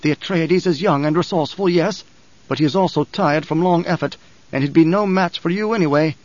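A man's voice: on the high side, brisk, no room sound, natural voice. A man voicing a proud, enraged male emperor who barks and sneers. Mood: scheming. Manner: barking, sneering, shouting. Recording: dull, dry studio recording.

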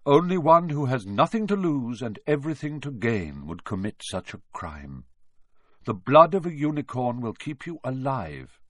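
A grave, noble young centaur from a storybook, speaking low and measured in a dry, close sound, as a man reads him. His voice moves widely in pitch, dropping hushed for warnings and rising to a bellow when roused. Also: big pitch swings, dry recording. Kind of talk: audiobook character reading.

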